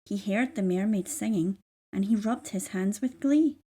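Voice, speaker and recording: A woman reading a children's story aloud in measured, rhythmic verse. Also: mid-range voice, dark tone. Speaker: storybook reader.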